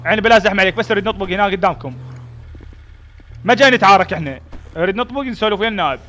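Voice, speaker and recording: A man's voice: high-pitched, animated, very fast, sharp tone, lo-fi sound. A man with an Iraqi accent playing a defiant army colonel in a street confrontation skit, talking bluntly and barking commands. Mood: casual. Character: defiant middle-aged male army colonel.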